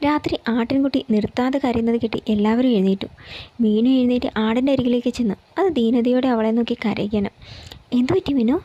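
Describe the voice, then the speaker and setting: A woman reading a romance story aloud in a calm, steady way. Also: fairly high pitch, quick pace, muffled recording.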